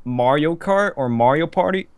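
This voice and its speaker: A man's voice: fairly high pitch, animated, normal speed, no echo. A young man on a casual gaming podcast, rambling and laughing, with lots of fillers and restarts. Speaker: podcast co-host. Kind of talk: casual chat.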